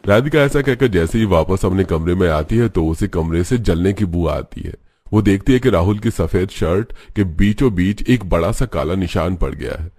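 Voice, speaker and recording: Low-voiced man narrating a cartoon story. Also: normal speed, dry recording, clean studio sound. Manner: steady, plain storytelling.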